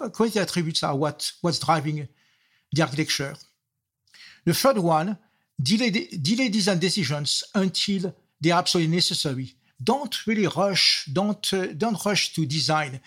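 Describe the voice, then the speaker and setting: A man's voice: fairly high pitch, fairly bright tone. An older man with a French accent, a guest in a podcast interview, explaining concepts point by point with frequent restarts. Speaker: guest, software architect. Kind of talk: interview answers.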